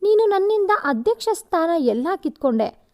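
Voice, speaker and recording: A woman's voice: very high-pitched, sing-song, normal speed, warm tone, pitched above the performer's own voice. A woman voicing a scheming young male rival who taunts and mocks in an audio story. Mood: gloating. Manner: taunting, mocking.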